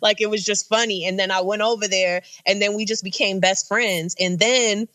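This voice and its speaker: A woman rapper talking as a guest, telling animated stories in loose slang and swearing freely. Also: medium pitch, normal speed. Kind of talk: casual storytelling chat.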